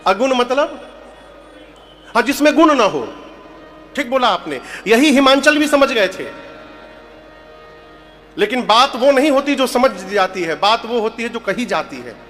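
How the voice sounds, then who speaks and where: High bright-voiced male religious storyteller. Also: unhurried, pauses often, soft background music. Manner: animated storytelling, asks the audience questions; breaks into sung verse. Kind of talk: devotional sermon storytelling.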